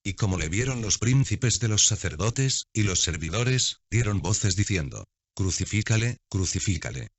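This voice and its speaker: Low-voiced man reading scripture steadily. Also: animated, normal speed, hardly any pauses, husky, no echo. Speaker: Bible reader. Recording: dull, dry lo-fi recording.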